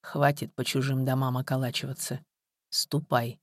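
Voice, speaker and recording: The narrator voicing a heavy older woman, a stern mother who speaks low, quiet and firm. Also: steady tone, measured pace, no echo, clean studio sound. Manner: low hushed firm speech.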